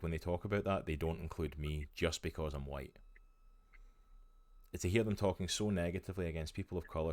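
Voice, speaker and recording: A man's voice: deep voice, dry recording. A Scottish man talking in a casual, rambling interview conversation with many restarts. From Scotland.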